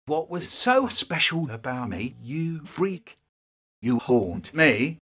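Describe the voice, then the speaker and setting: A man in his sixties with a husky voice, delivering a theatrical dramatic monologue in choppy, spliced phrases. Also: medium pitch, big pitch swings, slow pace, fairly bright tone. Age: 60s.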